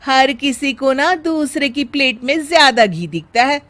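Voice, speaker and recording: A woman voicing a harried young working mother and daughter-in-law in a story, expressive and exasperated. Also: high voice, measured pace, a little hiss or hum, voice pushed up. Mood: exasperated, complaining.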